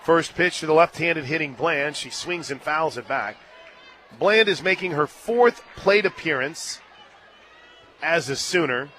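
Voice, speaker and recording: In a stadium booth, an American man does live radio play-by-play with a pushed, bright voice on the high side, keeping a measured pace. A ballpark crowd and faint music can be heard behind him.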